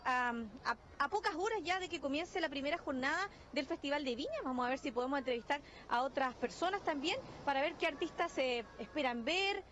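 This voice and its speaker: A woman, reporting live from a sunny beach into a handheld mic, brisk and upbeat. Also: high voice, lively intonation, a bit bright, slight background noise. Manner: brisk, upbeat, many questions. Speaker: field reporter. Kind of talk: live on-location news report. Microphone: handheld microphone.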